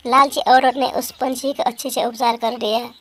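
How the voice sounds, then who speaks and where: A woman voicing a greedy, scheming woman in an animated story, muttering and exclaiming to herself. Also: on the high side, normal speed, natural voice. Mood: coaxing.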